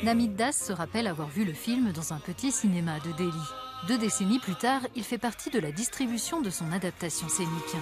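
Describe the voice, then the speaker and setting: A woman reporter reading a scripted news narration in an even, measured way. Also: medium pitch. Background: background music.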